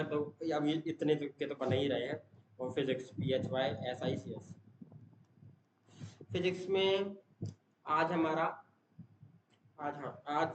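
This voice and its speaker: Rambling young man in an echoey room. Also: on the high side. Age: young adult. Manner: rambling, full of fillers and tag questions; says he talks fast, in one breath. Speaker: exam student vlogger. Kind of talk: casual daily study vlog. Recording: echoey room, dull sound, noisy background.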